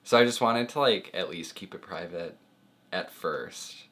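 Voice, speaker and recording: Young guy with a really low voice, chill and kinda mumbly, laughs a bunch, just chatting at home. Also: animated, unhurried, fairly bright tone. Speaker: boyfriend guest. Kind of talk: casual chat.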